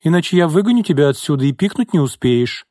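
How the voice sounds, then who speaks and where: A man voicing a haughty, scheming woman who talks in a shrill, icy, sneering way. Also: lively intonation, fast, dark tone, dry recording, clean studio sound, lightly acted. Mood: cold scornful.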